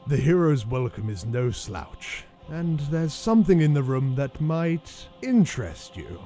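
A scruffy paladin knight, as a narrator puts him on, his voice husky and mellow, dark in tone. He stumbles into flustered stammers when caught off guard. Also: medium pitch, sing-song, unhurried, soft background music. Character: awkward male human paladin, scruffy.

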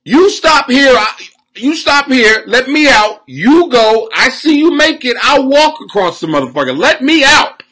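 Loud crude home live-streamer, high bright voice. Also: male voice, sing-song, a little slow. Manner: loud, crude, laughs often, swings from shouting to mumbling. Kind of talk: rambling live-stream comedy rant. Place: small room at home, indoors. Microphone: webcam at desk.

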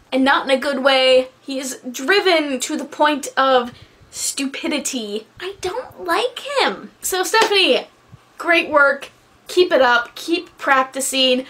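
A woman's voice: high voice, bright, forceful tone. A young adult woman giving a casual book review to camera in a candid, rambling, casually sweary manner. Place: small bedroom, indoors.

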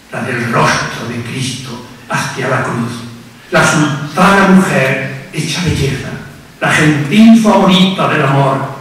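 An older man with an accent from Spain solemnly recites a poetic religious proclamation, declaiming in measured phrases with dramatic pauses. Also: mid-range voice, a bit bright. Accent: Spanish from Spain. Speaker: festival proclamation speaker (pregonero). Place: on stage in a large theatre. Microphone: podium microphone, recorded from far off. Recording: distant, echoing theatre hall with long reverb.

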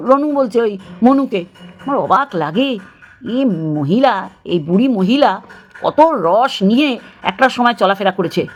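Woman vlogger, angry scornful rant, slightly high pitch. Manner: scornful, abusive, disgusted outbursts.

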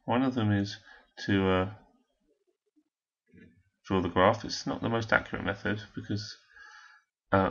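Male maths teacher, hoarse and husky, low voice, explains step by step; dull lo-fi recording. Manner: step-by-step explaining, talking while working a calculator. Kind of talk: recorded maths lesson walkthrough.

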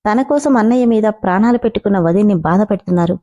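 A woman voicing a sharp-tongued, protective young woman who speaks indignantly, in a spoken storybook. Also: mid-range voice, quick pace, muffled recording, natural voice. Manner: indignant, heated.

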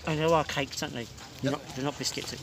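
A man's voice: on the high side, steady tone, quick pace, distant mic. Man talking with his mouth full. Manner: chatty, eager, rambling. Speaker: food reviewer. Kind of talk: casual outdoor food review. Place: outdoors on a city street. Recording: noisy outdoor street recording with traffic. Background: traffic noise.

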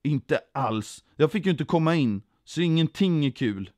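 A man's voice: a little high, lively intonation, darkish tone, dry recording, clean studio sound, voice pushed up, lightly acted. A man voicing a proud woman who pleads to be let in and then sounds self-pitying. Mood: pleading. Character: proud high-achieving woman, then dejected.

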